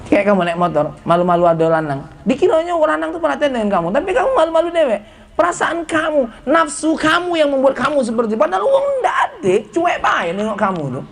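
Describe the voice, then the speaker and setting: A middle-aged man, preaching a lively sermon to students and mimicking them in little dialogues. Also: extremely high pitch. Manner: animated, breaks into slow singing, mimics students in dialogue. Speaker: preacher and head of a modern Islamic boarding school. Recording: faint background noise.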